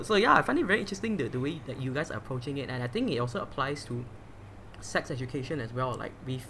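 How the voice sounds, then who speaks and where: A podcast host from Malaysia chats casually in a conversational interview, his mid-range voice heard over background noise. He talks loosely and chattily, with plenty of fillers and restarts.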